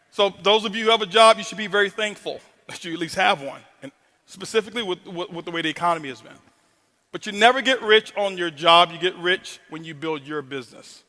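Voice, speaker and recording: Guy doing a motivational speech, high voice, punchy call-and-response with the crowd, big hall echo. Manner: animated, teasing the audience with call-and-response. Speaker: motivational speaker. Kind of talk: motivational stage talk. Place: large hall before a live audience.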